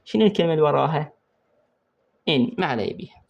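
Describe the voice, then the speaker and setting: Gravelly Iraqi man teaching recitation rules. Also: fairly high pitch, lively intonation, dull audio. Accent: Iraqi Arabic. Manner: repeats key points slowly, quizzes the student directly; writes on a board while explaining. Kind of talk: exam-prep tajweed lesson.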